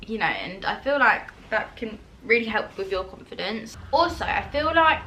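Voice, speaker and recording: A woman, chatting casually with viewers in a Q&A while eating, rambling quickly with many fillers. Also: mid-range voice, pushed and bright, slight background noise. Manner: chatty and self-reassuring, laughs often. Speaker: vlogger.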